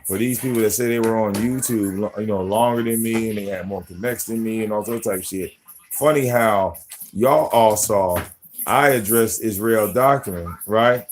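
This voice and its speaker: A man in his forties hosting a live stream, talking bluntly in profane slang and slipping into soft baby talk with his pets. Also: mid-range voice, a little hiss or hum. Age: 40s. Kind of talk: casual live-stream rant.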